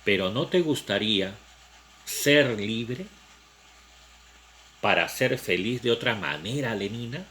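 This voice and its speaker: A man reading aloud, voicing a brooding young man who longs for freedom, with slow, reflective questions. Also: on the low side, animated, sharp tone, full character voice. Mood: questioning.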